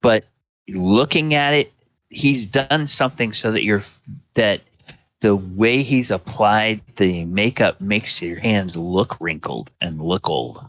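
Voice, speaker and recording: A man casually narrating a tabletop game as game master, explaining things in a halting way. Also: fairly low pitch, fairly bright tone, highs cut off.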